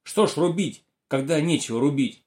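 A man's voice: on the high side, expressive, normal speed, darkish tone, natural voice. A man voicing a picky, stubborn young boy in a storybook reading, whiny and argumentative. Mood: fussy. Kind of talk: storybook character voice.

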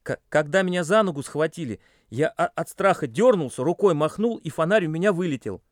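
A man's voice: lively intonation, fairly quick, dry recording, studio quality, natural voice. A man voicing a frightened young boy who stammers and shrieks in panic. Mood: stammering. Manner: hysterical, stammering, shrill.

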